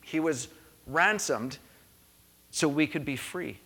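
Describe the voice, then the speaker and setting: Male pastor, bright high voice, unhurried earnest sermon, long church reverb. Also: husky. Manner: earnest, rhythmic preaching with repeated phrases.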